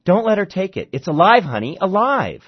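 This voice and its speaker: A man's voice: fairly high pitch, huge pitch swings, unhurried, breathy edge, voice pushed up, heavily acted. A man voicing a frantic young woman in labor who pleads and screams, in a dull lo-fi recording. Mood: frantic shouting.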